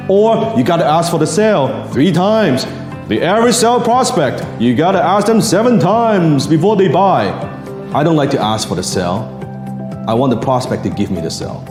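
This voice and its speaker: A man giving a motivational sales talk, lively and acting out the people he quotes. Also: medium pitch. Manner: animated, acts out quoted voices. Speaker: sales speaker. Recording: echoey room with music behind.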